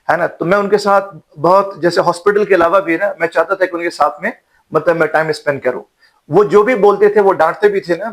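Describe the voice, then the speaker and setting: Calm man giving mentoring advice. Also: high voice. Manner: calm, mentoring, keeps adding tag questions. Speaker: psychiatrist, interview guest. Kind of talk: advice-giving interview answers.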